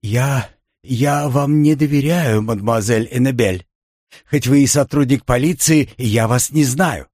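A man's voice: mid-range voice, unhurried, a little mellow, no echo, clean studio sound, voice pushed up, lightly acted. A man voicing a frightened amnesiac young woman. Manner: anxious, questioning, insistent.

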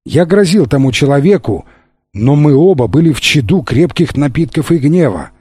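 A man's voice: a little high, big pitch swings, normal speed, warm tone, husky, no room sound, voice pushed up. A man reading aloud, voicing an earnest young man accused of murder, who pleads boldly with a raised voice.

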